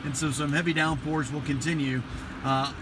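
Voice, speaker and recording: Higher-pitched American man, noisy storm weather vlog. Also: fairly even intonation, normal speed. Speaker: meteorologist. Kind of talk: casual storm-chasing weather commentary. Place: in a car, then outdoors by a wet roadside. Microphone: handheld phone at arm's length. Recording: noisy phone video with traffic and outdoor noise.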